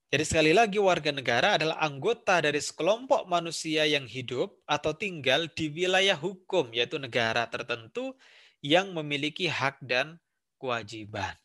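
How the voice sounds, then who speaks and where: Speaking at a moderate pace, a man with a higher, bright and forceful voice and animated delivery lectures on civics. The recorded university talk carries an Indonesian accent, with step-by-step explanation, examples, and repeated key points.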